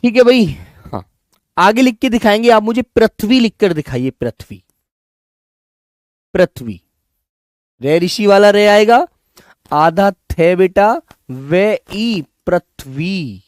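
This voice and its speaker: A man teaching a Hindi spelling class online, coaxing students and repeating words slowly. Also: high voice, expressive, a little mellow, dry recording, clean studio sound.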